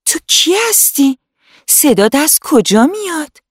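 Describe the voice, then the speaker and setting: Woman doing a bright excited little girl. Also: high-pitched, no echo, clean studio sound, voice pushed up. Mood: astonished. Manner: excited, wide-eyed questioning. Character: cheerful curious little girl.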